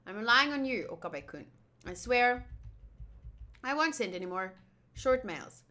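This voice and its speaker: This streamer reads a visual novel aloud during her livestream, adding chatty, playful side comments and often interrupting herself. Her slightly high voice has a sharp tone and lively intonation at a moderate pace.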